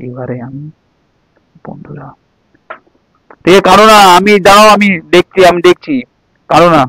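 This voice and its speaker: A man's voice: high voice, steady tone, fast, a bit bright, dry recording, poor audio. A man, pleading and apologizing in a casual home vlog. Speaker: vlogger, husband.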